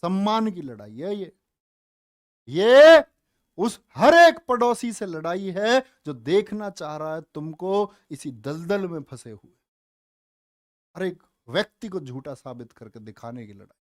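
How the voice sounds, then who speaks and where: Male Hindi teacher for a live online exam class: slow and coaxing, dry close-mic sound, quizzes students and answers himself. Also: on the high side, sing-song, dry recording. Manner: coaxing, calls students dear children and brother; asks the class questions and answers them himself.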